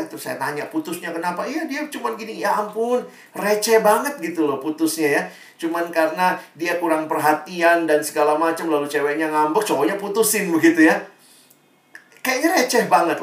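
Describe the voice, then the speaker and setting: Man preaching in a roomy hall. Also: on the high side. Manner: animated storytelling, acts out quoted voices. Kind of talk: casual sermon. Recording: roomy sound from a distant mic.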